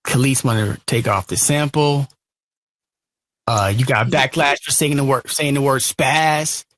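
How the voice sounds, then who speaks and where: A man's voice: mid-range voice, steady tone, unhurried, fairly bright tone, no room sound. A man co-hosting a casual chat podcast, arguing his point insistently. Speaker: podcast co-host.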